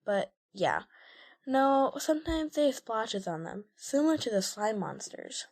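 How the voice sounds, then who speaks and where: A woman voicing a matter-of-fact twelve-year-old kid who chatters quickly and offhandedly. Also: on the high side, very animated, darkish tone, full character voice.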